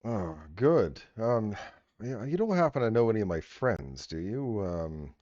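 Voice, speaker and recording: A gentle frost giant from a tabletop game, played by a man, big, simple and earnest. The voice is deep and booming and swings freely in pitch as it gropes for words in a plain, friendly way. The audio is dry and a little dull. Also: sing-song, measured pace, no room sound. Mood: friendly, uncertain. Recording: slightly dull, muffled audio.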